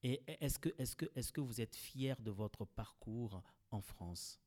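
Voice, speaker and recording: A man hosting a community radio interview, putting questions to his guests. He asks with occasional fillers and pauses. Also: mid-range voice, warm tone.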